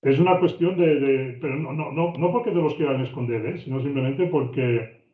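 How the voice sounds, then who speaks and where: A man's voice: medium pitch, moderate pace. A man with a Spain Spanish accent giving an online business training talk in a conversational way, often repeating words and restarting his phrases. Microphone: video call microphone. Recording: tinny, roomy online call audio.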